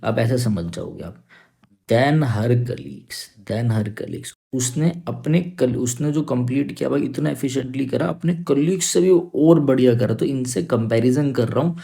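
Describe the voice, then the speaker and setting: Man, gravelly voice, mellow tone, grammar lesson, repeats checks like "okay". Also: mid-range voice. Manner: repeats "समझो बात को" and "ठीक है", reads example sentences slowly. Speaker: English teacher. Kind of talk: exam-prep grammar lesson. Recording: online class video.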